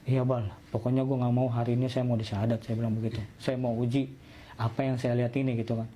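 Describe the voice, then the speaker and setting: A man's voice: mid-range voice, fast, a little hiss or hum. A man tells his story in casual chat, acting out the voices of the people in it. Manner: lively, acts out quoted voices in dialogue. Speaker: guest telling his conversion story.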